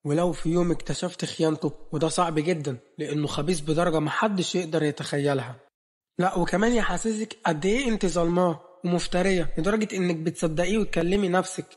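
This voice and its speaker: Casual: egyptian guy reading an audio novel, quick and direct, highish. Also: big-room sound. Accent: Egyptian Arabic. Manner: brisk, direct storytelling. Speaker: narrator.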